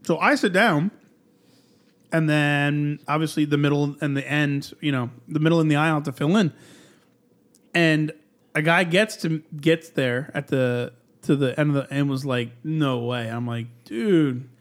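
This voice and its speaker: A man's voice: fairly high pitch, fairly even intonation, normal speed. A man chatting casually, rambling through a story, swearing freely and acting out what people said. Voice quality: tall and large build said. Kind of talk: casual chat.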